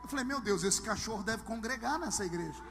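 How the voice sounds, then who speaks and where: A pastor from Brazil preaching a dramatic sermon with humorous storytelling and acted dialogue, swinging between hushed tones and shouting. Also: male voice, high-pitched, expressive, fast talker. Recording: live sermon with long hall reverb and music underneath.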